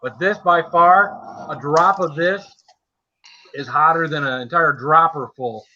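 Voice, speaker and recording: Bright-voiced chummy man, dull lo-fi stream. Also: fairly high pitch, measured pace. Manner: chummy, self-deprecating. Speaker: livestream host. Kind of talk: casual livestream chat.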